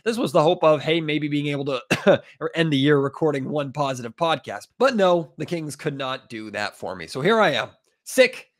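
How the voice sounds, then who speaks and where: A bit bright and on the high side, this man's voice is thick with a stuffy, congested cold as he hosts a casual sports podcast. He comes across as frustrated and emphatic, using plenty of fillers.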